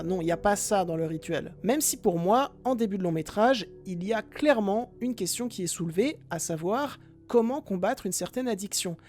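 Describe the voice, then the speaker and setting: A woman's voice: medium pitch, a little mellow. A woman hosting a casual film review podcast, chatty and talking straight to her listeners with self-mocking asides.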